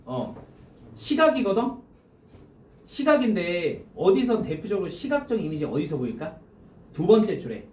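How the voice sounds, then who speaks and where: A male teacher walks a classroom through exam questions, quizzing the students and repeating the key phrases. His pitch swings widely as he talks. He is picked up from a distance in an echoey classroom with faint background noise. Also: sing-song, moderate pace, pauses often, a little mellow. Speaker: high school teacher. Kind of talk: classroom lecture going over exam questions.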